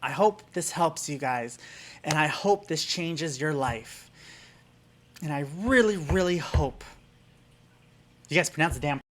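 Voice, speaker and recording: A man's voice: fairly high pitch, lively intonation, unhurried, pauses often, a bit bright, slight background noise. A man in a casual video lesson, teasing his viewers about getting one word wrong. He sounds playfully exasperated, leaning hard on each repetition of the word. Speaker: vlogger teaching German pronunciation. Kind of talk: casual comedic lesson to camera.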